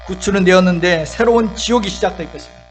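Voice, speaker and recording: A middle-aged man preaching an earnest sermon as pastor, swinging between loud urgent lines and soft low asides. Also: fast talker, soft background music, low-quality recording. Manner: acts out tender and scolding voices when quoting.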